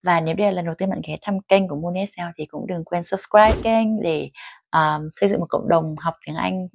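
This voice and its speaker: A middle-aged Vietnamese woman teaching an English dictation lesson online, reading sentences slowly and clearly, then explaining them in Vietnamese. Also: on the low side, a little hiss or hum.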